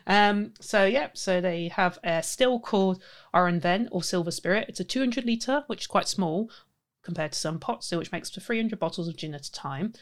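A young woman in her twenties hosts a casual podcast. Her voice sits slightly low, and she chats in a rambling, friendly way. She giggles often and corrects herself mid-sentence. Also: normal speed. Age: 20s. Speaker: podcast host. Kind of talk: casual chat.

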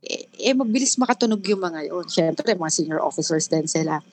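Filipina na nag-iisip habang nagkukuwento. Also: female voice, on the low side, expressive, darkish tone. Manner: candid, halting, many restarts and fillers. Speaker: guest. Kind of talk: emotional personal interview.

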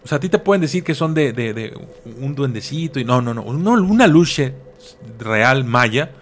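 A man's voice: medium pitch, animated, moderate pace, faint music behind. A man telling a folk legend casually, with slang asides and repeated words. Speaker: storyteller. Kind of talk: casual oral storytelling.

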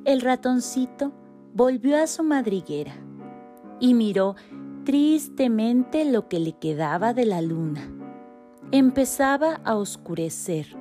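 A woman narrating a children's story in a gentle, slow storytelling manner, with soft piano behind. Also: mid-range voice. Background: faint piano music.

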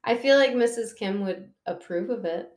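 A woman's voice: a little high, normal speed, darkish tone, reverberant. A mother co-hosting a casual podcast, chatty and wry, with frequent filler "like" and sarcastic asides. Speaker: podcast co-host. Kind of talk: casual chat.

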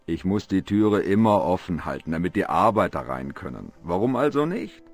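A pompous, deep-voiced game guard. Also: male voice, very animated, normal speed, no room sound, soft background music, exaggerated voice. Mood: smug. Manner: curt, condescending. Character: smug, pompous male museum guard. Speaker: video game character.

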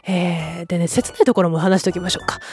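A woman's voice: fairly low pitch, flat delivery, fast, a little mellow. A woman hosting a podcast, chatting casually and enthusiastically about films and acting out quoted lines. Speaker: podcast host. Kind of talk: casual film chat.

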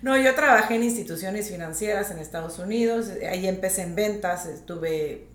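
A woman's voice: mid-range voice, normal speed, roomy sound, a little hiss or hum. A woman from northern Mexico, a real estate agent, talking directly and laughing easily as a podcast guest. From northern Mexico, grew up in Tijuana. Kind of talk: casual interview chat.

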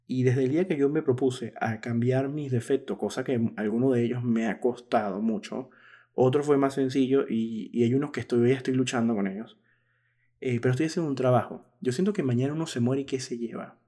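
A man's voice: medium pitch, brisk, dark tone. A man in his thirties hosting a podcast, talking frankly and reflectively in a casual monologue, now and then laughing at himself. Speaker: podcast host.

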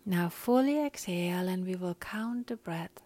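A woman guiding a breathing meditation in a calm, soft, often whispery voice, counting breaths. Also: on the low side, a little slow, no echo.

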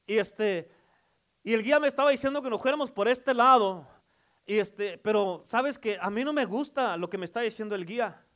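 Man doing a stubborn young son, very high voice, smooth tone. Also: normal speed, fairly bright tone. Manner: earnest, pleading with his father. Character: headstrong young grown son climbing.

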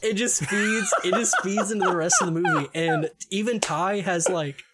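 A man's voice: sits high, moderate pace, a loud crowd. A man in a casual podcast chat, laughing often and swearing casually as he retells scenes.

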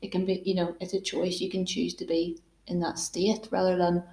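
A 20-year-old woman with a Northern Irish accent, co-hosting a casual podcast chat with lively, emphatic talk. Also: lowish voice, moderate pace. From Northern Ireland. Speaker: podcast co-host. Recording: roomy echo.

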